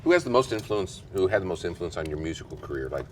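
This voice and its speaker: A man's voice: sits low, very animated, quick pace, distant mic, slight background noise. A man hosting a casual lunch interview at a restaurant, upbeat and rambling. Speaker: host.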